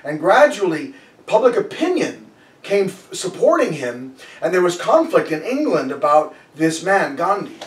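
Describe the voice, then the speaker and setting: A preacher in a church sanctuary delivers a conversational sermon, telling a story loosely and frequently restarting his sentences. His fairly high voice swings widely in pitch at a moderate pace. The room is echoey and he stands a bit far from the mic.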